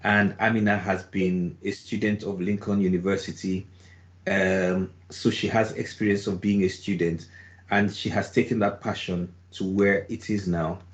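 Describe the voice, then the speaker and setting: A man's voice: deep voice, level tone, normal speed. A man hosting an online interview, introducing his guest in a jovial, rambling way and often correcting himself. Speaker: host.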